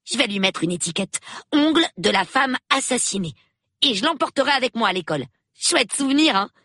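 Brief: cheeky, high-pitched boy voiced by a woman for an audiobook, quick and eager. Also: sing-song, bright, forceful tone, dry recording, studio quality, exaggerated voice. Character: cheeky, excited young boy. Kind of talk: audiobook reading.

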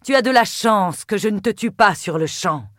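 A woman's voice: medium pitch, lively intonation, normal speed, fairly bright tone, no echo, studio quality, lightly acted. A woman voicing a proud, cold, furious goddess in an audiobook, speaking in a cutting, imperious way. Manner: cutting, imperious, spits words. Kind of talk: audiobook character voice.

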